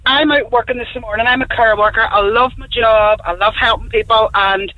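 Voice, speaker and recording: A woman's voice: on the high side, fairly quick, no room sound. A woman around sixty, calling in to a radio show, bubbly and cheeky. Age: 60s. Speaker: caller. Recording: phone line.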